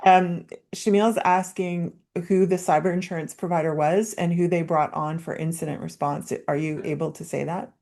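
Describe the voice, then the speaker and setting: Low-voiced woman moderating a webinar. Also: steady tone, moderate pace, few pauses. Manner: warm, affirming, reads out audience questions. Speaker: panel moderator. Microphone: video call.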